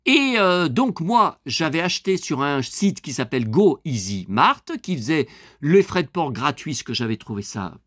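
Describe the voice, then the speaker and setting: A middle-aged man talking to camera in a loose, rambling vlog, blunt and quick to swear, with lots of fillers and restarts. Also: fairly high pitch, sing-song, a bit bright, no room sound, studio quality. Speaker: vlogger. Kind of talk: casual rambling vlog monologue.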